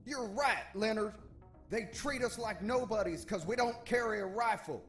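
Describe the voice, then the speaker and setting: A man's voice: high-pitched, normal speed, a bit bright, faint music behind. A man playing an indignant, self-important nerdy engineer guard in a comic video game.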